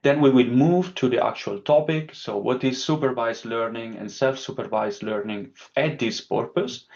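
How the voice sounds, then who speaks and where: An Italian-accented man gives a technical webinar lecture over a video call. His pitch sits in a middle range, and he explains step by step, with frequent fillers. The audio has the slightly dull, lo-fi sound of a call. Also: creaky. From Italy. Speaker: webinar speaker.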